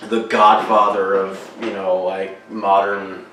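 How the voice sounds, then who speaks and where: A man's voice: deep voice, little pitch movement, takes it slowly, pushed and bright, slight background noise. A young man co-hosting a podcast, talking casually about horror films with lots of fillers and swearing. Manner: rambling, swears a lot, many fillers. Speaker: podcast co-host. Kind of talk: casual chat. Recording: echoey room, far from mic, faint music.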